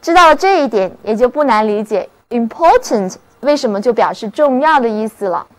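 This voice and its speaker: A woman giving a scripted vocabulary lesson, spelling out English words slowly and carefully. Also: on the high side, expressive.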